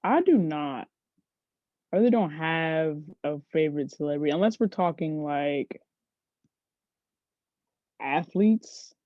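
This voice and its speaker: A woman's voice: sits low, lively intonation, takes it slowly, long pauses, no echo, muffled recording. A woman guest on a podcast, chatting casually and telling stories with frequent laughs. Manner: chatty storyteller, laughs often. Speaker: podcast guest, sports agency CEO. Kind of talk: casual interview chat.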